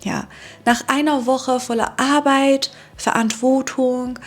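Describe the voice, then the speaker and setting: A woman from Iran, a German teacher, narrating a vlog for learners in a slow, deliberate way with some filler sounds. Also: high voice, fairly even intonation.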